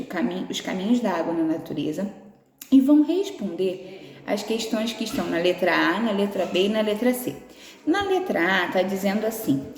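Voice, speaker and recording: A woman with a Brazilian Portuguese accent teaching a remote class, explaining each task patiently and slowly with affectionate little words. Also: medium pitch, a little mellow, slight background noise. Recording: echoey room with long reverb.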